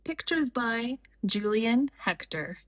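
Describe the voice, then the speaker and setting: This is a storytime reading for young listeners: a woman with a fairly high, slightly bright voice reads a children's picture book aloud. She is animated yet extremely slow, pausing between short, deliberate phrases.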